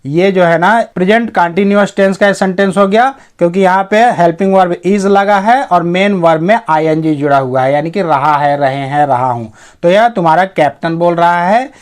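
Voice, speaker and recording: A man teaching English reading as a Hindi-medium teacher, explaining word by word and reading the English lines slowly and carefully. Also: high voice.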